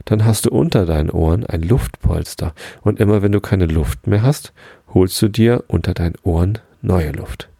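A man voicing a friendly, helpful little male crab in a bedtime story, speaking slowly and coaxingly. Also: low-pitched, gravelly, dark tone, slightly rough, no echo, clean studio sound, heavily acted. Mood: kindly.

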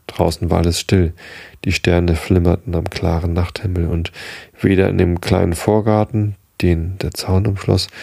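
A man narrating a literary story in a measured, steady storytelling voice. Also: low voice, gravelly, husky, no echo, clean studio sound. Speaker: audiobook narrator.

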